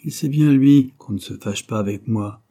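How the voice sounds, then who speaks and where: A man reading an audiobook, voicing a brash, fiery young courtesan with sharp, taunting outbursts. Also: mid-range voice, normal speed, close to an everyday voice.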